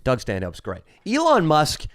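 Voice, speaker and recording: Male podcast co-host, lively swooping pitch, dry close sound, mock-grandiose comic rants. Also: measured pace, no room sound. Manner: mock-pompous ranting, crude jokes. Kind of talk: casual comedic podcast banter.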